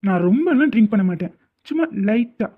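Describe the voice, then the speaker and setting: A woman's voice: a little high, expressive, fast. A woman voicing a boastful young male college student who brags about his charm in a cartoon. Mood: cocky. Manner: cocky, boastful, teasing. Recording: tinny phone-like lo-fi sound.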